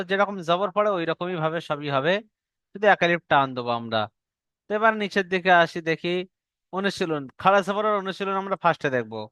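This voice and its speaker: A man's voice: sits high, pushed and bright, clear, resonant tone, no echo. A man teaching Arabic letter reading in a recorded online lesson, patiently drilling the rules, asking learners to repeat after him, and stretching out letter sounds as he recites.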